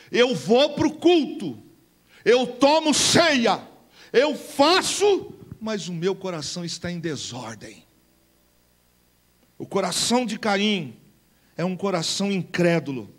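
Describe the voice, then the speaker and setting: A male pastor with a Brazilian Portuguese accent preaching a Pentecostal sermon, emphatic and colloquial, calling on the congregation to respond. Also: high voice.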